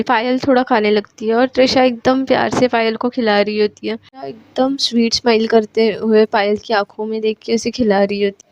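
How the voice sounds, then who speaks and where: A woman's voice: on the high side, vocal fry, darkish tone, dry recording, muffled recording. A woman casually narrating a romantic story, chatty and mixing in English words, correcting herself as she goes.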